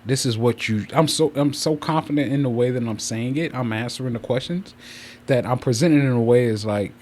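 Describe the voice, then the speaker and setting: Rambling male streamer over clear fan noise. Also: mid-range voice, a little fast, a little mellow. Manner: rambling, circles back and repeats himself. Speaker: streamer hosting a channel. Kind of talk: casual livestream chat. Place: room at home. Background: fan running.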